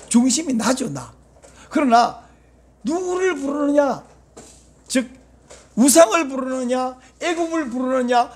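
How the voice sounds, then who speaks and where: A man with a high voice preaching a sermon as pastor. He explains scripture patiently and then rises to emphatic, urging lines. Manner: explains Hebrew words and reads scripture aloud, then urges the congregation; switches between calm teaching and raised, emphatic lines.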